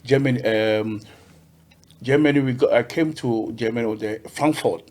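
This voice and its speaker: A man from Ghana, a podcast guest telling his story in a cheerful, halting way, often repeating words. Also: medium pitch, a little mellow. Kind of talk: casual interview.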